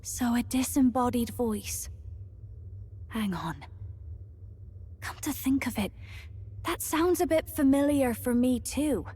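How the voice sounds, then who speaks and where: A sceptical young female travelling companion in a fantasy video game. Her voice is higher with a husky edge, practical and questioning. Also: slow, long pauses, dark tone, exaggerated voice. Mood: sceptical, curious. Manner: questioning, matter-of-fact.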